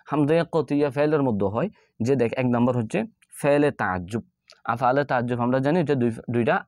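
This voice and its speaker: A man teaching an Arabic grammar lesson, explaining step by step and repeating his points with frequent pauses. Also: mid-range voice, a little mellow, no echo, clean studio sound. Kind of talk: classroom-style grammar lesson.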